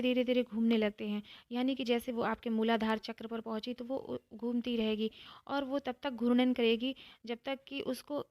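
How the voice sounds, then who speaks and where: A woman giving a calm devotional talk, explaining step by step and repeating phrases for emphasis. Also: on the high side, no room sound. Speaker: spiritual teacher.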